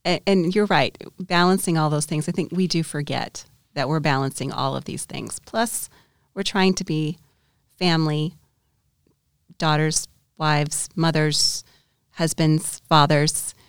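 A woman with a fairly low voice, a dentist co-hosting a podcast. She speaks candidly and reflectively, with small restarts. The sound is close and dry. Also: fairly even intonation, measured pace, clear, resonant tone, dry recording. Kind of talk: casual podcast conversation.

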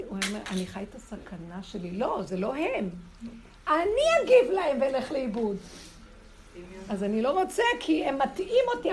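Emotional woman teacher with lively, gravelly voice. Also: slight background noise. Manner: emotional, acts out quotes with sudden high voice jumps. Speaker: spiritual teacher. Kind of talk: morning class with storytelling.

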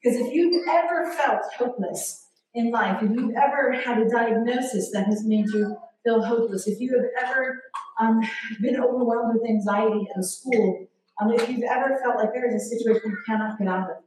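Woman preacher, forties, lively self-mocking delivery, high voice, heard from far off in a very echoey church hall with faint noise. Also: normal speed. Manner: animated, self-mocking storytelling with frequent laughter. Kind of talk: sermon.

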